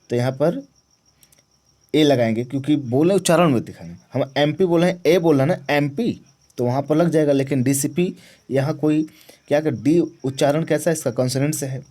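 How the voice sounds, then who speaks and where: Here the same kind of grammar lesson for exam students comes from a man whose mellow voice sits fairly high and moves a little fast. He poses and answers his own questions, repeats key terms, and checks the class is keeping up.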